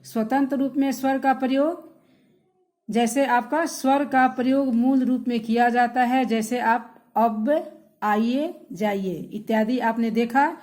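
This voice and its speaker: Woman teacher for a children's recorded grammar lesson, a little high-pitched, unhurried and patient. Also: darkish tone. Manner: patient, repeats definitions and addresses children directly. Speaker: school teacher.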